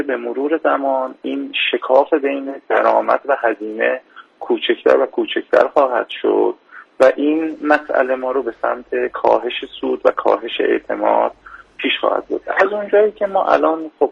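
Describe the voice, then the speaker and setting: A man answering as a financial expert in a formal radio interview, measured and stopping often for hesitation fillers. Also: mid-range voice, gravelly, slightly rough, highs cut off.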